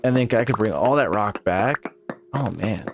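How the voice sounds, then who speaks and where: A man's voice: on the low side, lively intonation, moderate pace, creaky, music in the background. A young man streaming a video game live, chatting casually, laughing often and swearing freely. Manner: laid-back, swears a lot, laughs often. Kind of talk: casual live gameplay chat.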